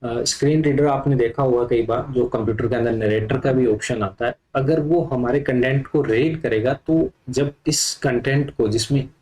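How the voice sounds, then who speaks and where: A man teaches a computer class in a live coding lesson, typing as he explains each step and using plenty of fillers. His medium-pitched voice is a little mellow, and the recording is rough.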